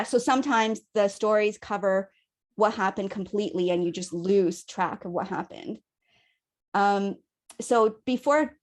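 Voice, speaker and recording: A young adult woman leading a communication workshop, talking in an animated, chatty way and acting out quotes. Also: medium pitch. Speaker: workshop facilitator.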